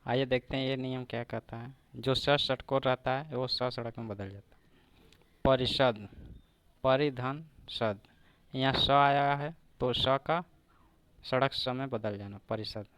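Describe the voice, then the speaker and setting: A man teaching a grammar lesson for exam preparation, slowly breaking down each example word by word and repeating it. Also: mid-range voice, steady tone, a bit bright, clean tone, dry recording.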